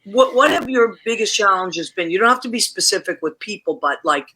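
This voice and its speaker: Chatty bright-voiced host in their forties. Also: mid-range voice, animated. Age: 40s. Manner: chatty, enthusiastic, quick interjections. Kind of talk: casual interview chat.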